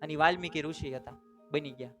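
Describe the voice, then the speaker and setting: A man's voice: on the high side, brisk, a bit bright, faint music behind. A man giving a motivational storytelling talk to students at a school. He keeps asking the audience questions and calls for them to answer. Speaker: motivational speaker. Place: school seminar hall.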